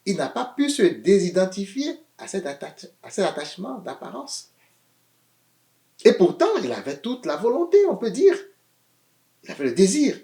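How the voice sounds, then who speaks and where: At a moderate pace, a man with a high-sitting voice gives a spirited sermon in an echoey room. Loud, emphatic phrases give way to quiet asides, and he repeats words as he searches for them.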